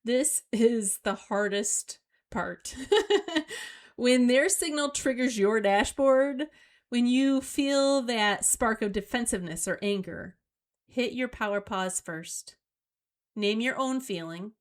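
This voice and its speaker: A middle-aged woman hosting a solo talk on emotional skills, coaching listeners in a slow, deliberate way. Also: on the high side, lively intonation. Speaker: host.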